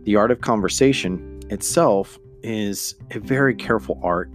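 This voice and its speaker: A man hosting a solo podcast in a casual, hesitant, meandering way, often thinking aloud. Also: on the low side. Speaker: podcast host.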